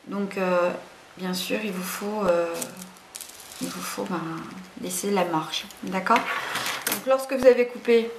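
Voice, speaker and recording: Woman chatting through a craft tutorial, lots of ums and restarts, echoey room, faint hiss. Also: medium pitch. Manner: chatty, hesitant, many fillers and self-corrections. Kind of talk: casual spoken craft tutorial. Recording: roomy echo, faint background noise.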